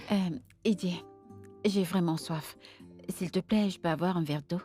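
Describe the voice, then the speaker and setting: A woman's voice: on the low side, mellow. An actress playing a woman who comforts a grieving friend, reassuring her again and again in a French-dubbed film. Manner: soothing, repetitive reassurance.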